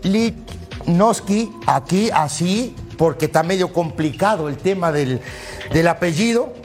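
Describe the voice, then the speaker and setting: A man analysing a football lineup on a sports panel, explaining step by step and checking in with quick tag questions. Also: high-pitched, animated, soft background music.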